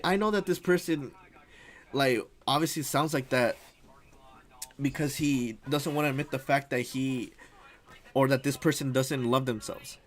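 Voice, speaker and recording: A young man streaming a casual reaction, rambling with many fillers and frequent laughs. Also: mid-range voice. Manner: rambling, lots of fillers and "freaking", laughs often.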